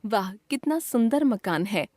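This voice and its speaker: A woman's voice: medium pitch, measured pace, no echo, clean studio sound. A woman reading a scripted grammar lesson, acting out the example exclamations with feeling. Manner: reads examples with expressive emotion.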